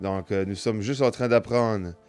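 A man's voice: lowish voice, measured pace, a little mellow, clear, resonant tone, faint music behind. A man with a Canadian French accent playing a video game, reading its story and tutorial text aloud and sometimes stumbling over the words. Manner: reads on-screen text aloud, stumbling and restarting. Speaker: gaming video host.

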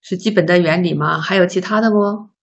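A woman teaching a beginner English lesson, patiently asking learners questions and sounding out words slowly. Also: fairly low pitch, breathy edge. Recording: slightly dull lo-fi recording.

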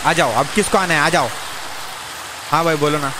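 A young man talking casually on a live game stream, excitable, joking and pleading with the other players. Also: on the high side, normal speed, noisy background. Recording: game music playing behind the voice.

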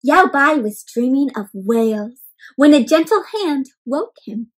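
Reading aloud to small children, a young adult woman with a high-sitting voice talks a little slowly and expressively, asking her listeners plenty of direct questions. The audio quality is poor.

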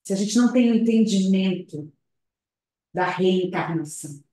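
A woman gives a public talk at a spiritist center over a video call. She speaks in a slow, reflective, hesitant way, often adding tag questions. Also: mid-range voice, dark tone. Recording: very echoey room.

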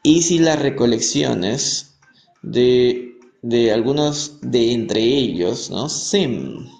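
A man from Peru teaching English on a live stream, reading aloud and explaining words in Spanish, repeating each pronunciation slowly. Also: medium pitch, expressive, vocal fry, darkish tone. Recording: echoey room, faint music behind.

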